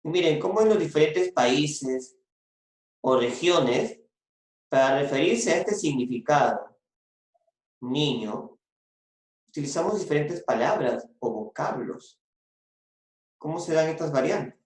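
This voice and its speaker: A male secondary school teacher with a coastal Peruvian Spanish accent gives a recorded lesson at an unhurried, deliberate pace. He walks through each point, repeating key phrases and checking in with short questions. The room around him sounds roomy and echoey. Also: on the high side, expressive. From Peru. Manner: explains step by step, repeats key phrases, adds "¿no?" and "¿ya?".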